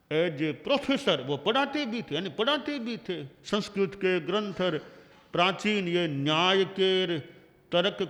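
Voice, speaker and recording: An older man giving a slow, measured religious discourse, explaining his points with worked examples. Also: sits high, a bit bright. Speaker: Jain acharya giving a discourse. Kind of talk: sermon. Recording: long hall reverb.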